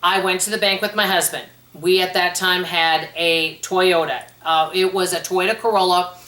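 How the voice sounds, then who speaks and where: A chatty woman answering viewer questions at home in a casual vlog, telling stories in a lively way. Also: lowish voice, moderate pace. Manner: chatty, animated storyteller. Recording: roomy echo.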